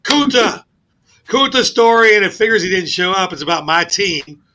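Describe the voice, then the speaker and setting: A man hosting a casual sports radio show, telling stories in an animated, profane way. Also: high voice, normal speed, a little hiss or hum. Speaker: host. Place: radio studio.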